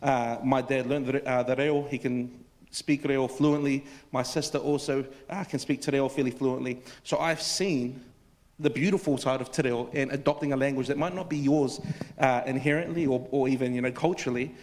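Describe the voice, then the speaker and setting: A man's voice: medium pitch, fairly even intonation, normal speed, a little mellow, big-room sound, slight background noise. A man with a New Zealand accent making his point in a panel debate, earnest, often repeating words as he starts.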